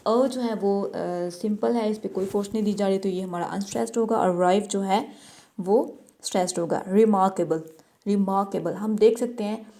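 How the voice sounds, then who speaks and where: A woman's voice: mid-range voice, fairly even intonation, normal speed, dark tone. A woman with a Pakistani accent teaching a textbook exercise. She reads each English word aloud and then explains it in Urdu-Hindi.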